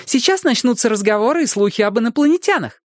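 A bossy young girl calls out in a high, emphatic voice that jumps around, as a man puts her on. The reading is close and dry. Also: lively intonation, fast, dry recording. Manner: emphatic, alarmed.

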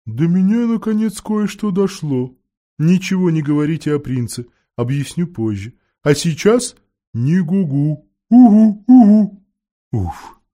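A man voicing a fussy, excitable female owl that hoots and exclaims. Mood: whispering. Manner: high hooting exclamations, drawn-out words.

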